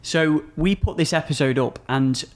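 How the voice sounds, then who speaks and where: A man's voice: on the high side, normal speed. A youngish man chatting casually as a podcast co-host, in loose, hesitant phrasing. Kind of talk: casual chat. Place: small office studio, indoors. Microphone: desk microphone.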